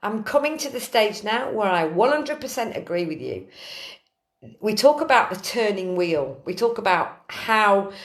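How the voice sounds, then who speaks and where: A woman hosting a casual live-stream chat from her kitchen, ranting in an animated, earthy way. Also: on the low side. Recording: roomy echo.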